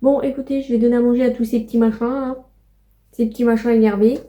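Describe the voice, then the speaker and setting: A woman's voice: a little high, fairly even intonation, fast, mellow. A young woman chatting casually in a home vlog, rambling with many fillers and cooing to her pets. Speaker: vlogger.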